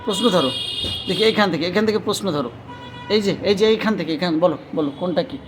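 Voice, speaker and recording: A woman's voice: lowish voice, fast talker. A woman from West Bengal filming her children for a casual family vlog, coaxing them along with short, repeated commands. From West Bengal, India. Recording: noisy phone recording.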